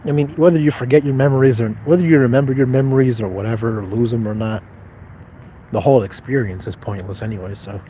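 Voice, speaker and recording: A man's voice: medium pitch, steady tone, fast talker, dark tone, slight background noise. A man in his twenties livestreaming, reading chat questions aloud and answering them in a blunt, profane, detached way. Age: 20s.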